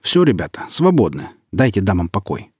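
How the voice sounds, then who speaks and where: Guy playing a cold sinister heavy, low voice, barks orders, dry close sound. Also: huge pitch swings, normal speed, a little mellow, husky, no echo, full character voice. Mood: friendly. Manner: curt, barking, sinister. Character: menacing middle-aged male villain, coldly rough.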